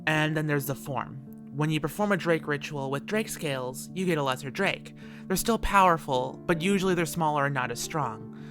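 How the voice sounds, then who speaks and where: A man voicing a calm, knowledgeable young woman mage in an audiobook, explaining softly and patiently. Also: a little high, normal speed, music in the background, pitched above the performer's own voice, natural voice. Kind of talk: audiobook character voice.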